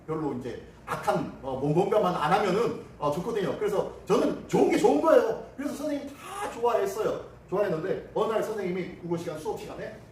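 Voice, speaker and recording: A man's voice: sits high, fast, few pauses, slight background noise. A middle-aged male pastor preaching a sermon, telling stories and acting out the dialogue. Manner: animated storytelling, acting out dialogue. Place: church sanctuary. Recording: distant mic in echoey church hall.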